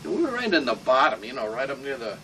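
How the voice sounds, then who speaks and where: A man's voice: medium pitch, big pitch swings, quick pace, fairly bright tone. An elderly American man, a war veteran, remembering his service in a rambling, salty, informal interview. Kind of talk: informal oral-history reminiscence. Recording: distant mic with room hum.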